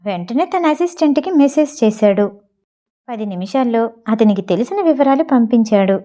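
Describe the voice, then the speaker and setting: Lady reading a story aloud, fairly high but mellow voice, steady pace. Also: normal speed. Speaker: audiobook narrator.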